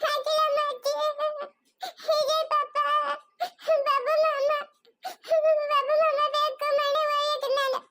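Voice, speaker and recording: A woman's voice: flat delivery, slow pace, pushed and bright, heavily acted. A woman voicing a frightened little lost girl who cries and pleads in an amateur family skit. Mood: crying, pleading. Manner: crying, pleading, shrill.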